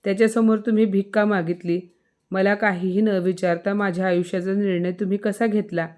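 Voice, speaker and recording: A woman's voice: mid-range voice, steady tone, a little fast, darkish tone, close to an everyday voice. Woman doing a stubborn, indignant young wife.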